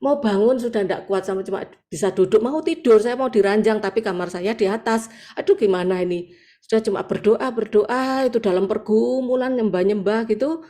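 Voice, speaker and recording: A woman's voice: mid-range voice, brisk, warm tone. A woman with a Javanese accent giving a personal testimony over a video call at a prayer meeting, telling her story vividly with acted quotes and exclamations. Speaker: church member giving testimony.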